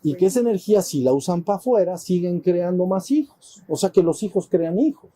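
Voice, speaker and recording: A man's voice: high-pitched, animated, brisk, dark tone. A man, a spiritual teacher telling a playful, colloquial story to a retreat group.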